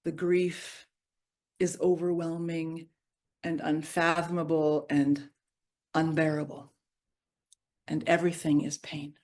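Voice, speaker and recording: A middle-aged woman giving a personal storytelling reflection at a church service, moving from playful to hushed and grave. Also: sits low, flat delivery, takes it slowly, pauses often. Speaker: worship reflection speaker.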